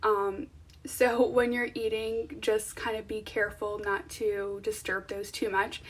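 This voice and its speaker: A woman's voice: medium pitch, little pitch movement, unhurried, slightly rough, recorded from a distance. A young woman talking casually to viewers in an informal, conversational vlog style. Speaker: vlogger. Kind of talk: casual chatty vlog to camera.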